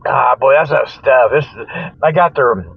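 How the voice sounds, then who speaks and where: An older man hosts a comic radio show, rambling through a folksy, tongue-in-cheek monologue full of mock sponsor plugs, chuckling at his own jokes and often losing his train of thought. His medium-pitched voice is gravelly and slightly rough, and he speaks a little slowly. The recording is dull, lo-fi, and dry, like old radio.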